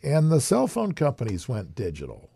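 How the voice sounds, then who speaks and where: A man who started a radio station, answering interview questions in a plainspoken, relaxed way and repeating words as he searches for them. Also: medium pitch, moderate pace, vocal fry, husky, no room sound. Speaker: radio station founder, guest.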